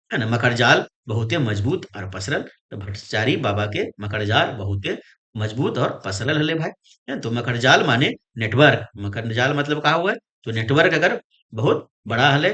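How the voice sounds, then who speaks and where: A man's voice: medium pitch, pushed and bright. A male teacher with a Jharkhand Khortha-inflected Hindi accent, giving an exam-prep lecture. He repeats each phrase and keeps asking "है ना?" to check that students follow.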